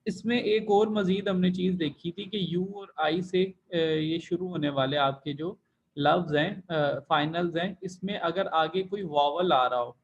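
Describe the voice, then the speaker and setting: A man's voice: fairly high pitch, unhurried, lo-fi sound. A man teaching a Chinese language class online, explaining rules patiently and repeating each point step by step. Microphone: computer mic in video call.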